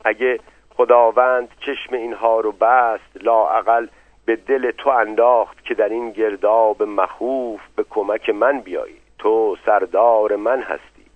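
A man voicing a proud, paranoid old male patriarch who speaks in a muffled, slow, grandiose way, in a narrow phone-like recording. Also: fairly low pitch, steady tone, no room sound, close to an everyday voice. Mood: solemn.

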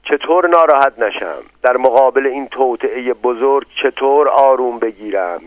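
A man voicing a proud, paranoid old male patriarch who speaks in a muffled, slow, grandiose way, in a narrow phone-like recording. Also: on the low side, dry recording, close to an everyday voice.

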